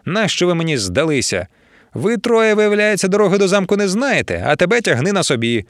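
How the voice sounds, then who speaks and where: A man's voice: mid-range voice, lively intonation, fairly quick, no echo, studio quality, close to an everyday voice. A man doing a jovial, round adventurer. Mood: stern. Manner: dreamy, good-humored.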